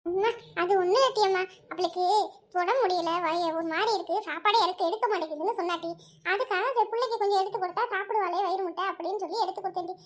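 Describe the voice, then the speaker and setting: A woman acting out a middle-aged mother who keeps scolding her grown daughters, calling them "ஏடி". Her voice is very high and her speech fast and clipped. It is a homemade family drama. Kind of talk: home family drama, one narrator voicing all roles.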